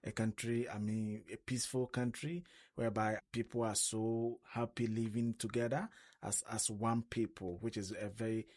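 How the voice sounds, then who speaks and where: A young Ghanaian-accented man co-hosts a casual radio interview, his voice lowish, darkish and level at a moderate pace. He speaks earnestly, repeating words and restarting often with "I mean."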